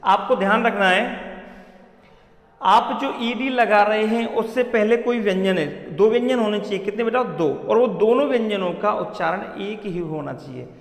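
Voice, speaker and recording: Male English teacher, Hindi accent, high voice, echoey classroom with long reverb. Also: normal speed. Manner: addresses students as beta, repeats questions to the class. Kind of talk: classroom lesson at a board.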